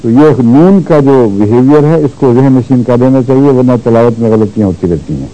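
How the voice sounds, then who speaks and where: A man teaching Quran recitation rules, explaining patiently and repeating words slowly to show how they are pronounced. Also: medium pitch, dark tone, muffled recording. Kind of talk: religious lesson on Quran recitation.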